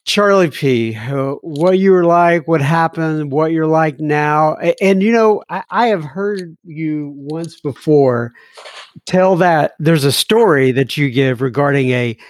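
A man's voice: a little high, slow pace, no echo, clean studio sound. A man from Texas hosting an interview, asking rambling, hesitant questions. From North Dallas, Texas. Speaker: podcast host.

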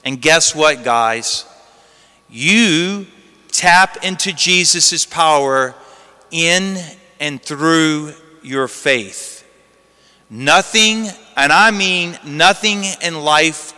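A man's voice: on the high side, sharp tone, clear, resonant tone. A priest reading the gospel and preaching emphatically, with repeated phrases, his voice ringing in a large church's cathedral echo. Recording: long echoing church reverb.

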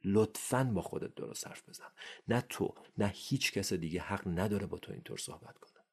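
Male podcast host, very low and husky with gravel, earnest direct-address monologue. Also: expressive, a little mellow. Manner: earnest, addresses listener directly, rising emphasis on key phrases.

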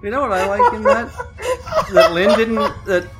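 A man's voice: high-pitched, huge pitch swings, moderate pace, full character voice. A man chatting as a player in a tabletop game, with a dry, understated way of complaining. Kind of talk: tabletop role-play among friends. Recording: loud music behind the voice.

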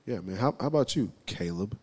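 A man from Texas co-hosting a casual podcast with a dry, teasing, sarcastic streak. His voice sits on the low side. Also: animated, brisk, darkish tone, slightly rough. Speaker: podcast co-host. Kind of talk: casual chat.

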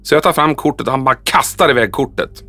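A man's voice: medium pitch, pushed and bright, no echo. Storyteller, man in his fifties, mid-range voice, casual and hesitant, acts out quoted dialogue, faint music behind. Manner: unhurried, with frequent hesitations and acted-out quoted dialogue. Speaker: guest telling a story.

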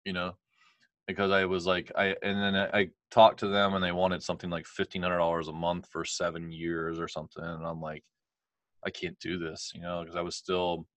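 In a brisk, dry, close-miked recording with no room around it, a guest shares a personal story conversationally. His forceful voice is deep yet bright, and he animatedly voices other people while using plenty of "like" and "you know."

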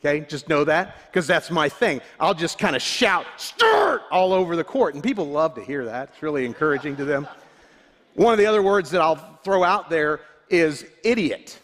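A man's voice: on the high side, normal speed, a bit bright. A male pastor giving a sermon, candid and self-deprecating, often restarting his sentences. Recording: long hall reverb.

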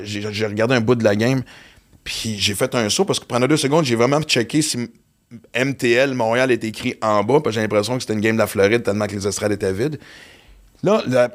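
A man's voice: mid-range voice, quick pace. A man with a Quebec French accent, hosting a podcast in casual chat, rambling and repeating himself with a lot of slang. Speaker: podcast host.

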